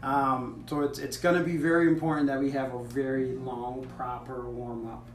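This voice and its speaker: A man's voice: mid-range voice, little pitch movement, normal speed. Easygoing man heard from across a room. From Africa. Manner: easygoing, many "you know" fillers. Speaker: soccer player being interviewed. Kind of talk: casual interview. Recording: roomy, distant mic with faint noise.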